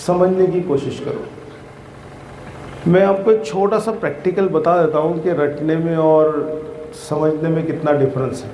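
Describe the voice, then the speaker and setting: At an outdoor school assembly, a man delivers a motivational talk to schoolchildren, addressing them as "beta" and quizzing the crowd in a fatherly manner. His voice is slightly high and mellow, captured in lo-fi audio with a roomy echo and a bit of background noise.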